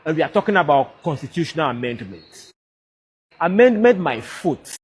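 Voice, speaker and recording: A man lectures in an emphatic, scornful way. His voice is husky and sits somewhat high. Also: very animated, normal speed. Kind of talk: commentary on the constitution.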